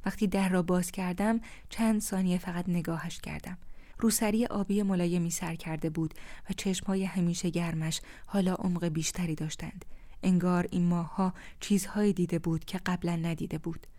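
A woman narrating a first-person story in a calm, measured, contemplative way. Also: fairly low pitch.

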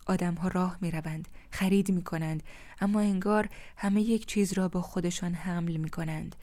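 A woman reading as a pensive quiet father. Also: fairly low pitch, fairly even intonation, lightly acted. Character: thoughtful middle-aged father.

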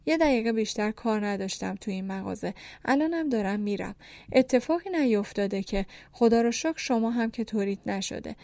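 A woman's voice: on the high side, expressive, creaky, dark tone, no echo. A woman voicing a young male motorbike courier who apologizes in chummy, over-familiar street talk. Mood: apologetic.

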